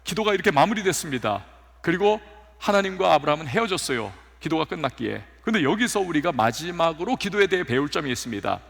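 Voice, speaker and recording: A male pastor delivers a sermon in a church, telling his stories with acted-out quotes. His voice is somewhat high and gravelly, and it rings with a long hall reverb. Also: fast talker. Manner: animated storytelling with acted quotes. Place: church sanctuary.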